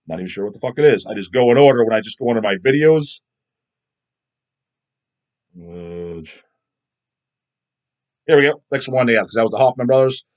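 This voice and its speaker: A middle-aged man with a lowish, somewhat dark voice hosts a casual video, answering viewer comments. He rambles through his opinions bluntly and crudely, with emphatic delivery and lots of swearing.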